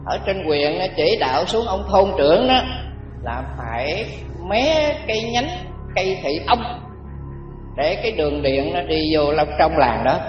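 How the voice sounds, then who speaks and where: A man's voice: a little high, big pitch swings, a little slow. A man giving a dharma talk, telling folksy village stories and acting out the people in them. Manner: folksy, acts out village characters in quotes. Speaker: monk teaching. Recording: echoey distant recording, dull sound, faint music.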